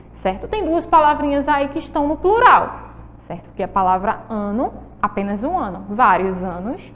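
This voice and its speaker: A woman teacher with a Brazilian Portuguese accent giving a televised lesson to children, stretching words slowly to mark the stressed syllable and asking the viewers questions. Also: high voice, big-room sound, dull audio. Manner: encouraging, asks the viewers questions.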